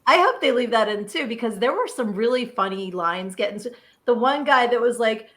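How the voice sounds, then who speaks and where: Animated woman telling a funny story. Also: on the high side, brisk. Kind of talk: casual chat, storytelling.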